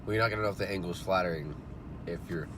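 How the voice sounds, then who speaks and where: A man's voice: sits low, very fast, fairly bright tone, poor audio. A man chatting casually in a car, joking and swearing, recorded on a phone. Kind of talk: casual chat. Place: inside a parked car. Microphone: hand-held phone. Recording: phone audio with clear background noise.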